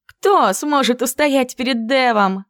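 A woman putting on a dreamy, gossipy young girl from a storybook, her voice lifted high and lilting with drawn-out exclamations. Close and dry. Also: expressive, dry recording, natural voice. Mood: curious.

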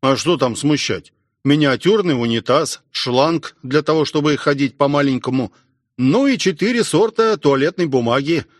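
A man voicing a gruff, wry veteran male station commander in an audiobook, talking in an unhurried way. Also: fairly high pitch, expressive, no room sound, studio quality. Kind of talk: audiobook character voice.

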